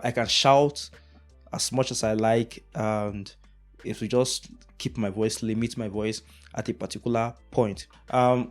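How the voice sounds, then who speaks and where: A man talks through a sound-mixing lesson at an easy pace, leaning on ums and restarts as he explains. His voice sits at an ordinary middle pitch, and his tone is plain and instructive rather than performed. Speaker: audio mixing tutor. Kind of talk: casual explanatory tutorial.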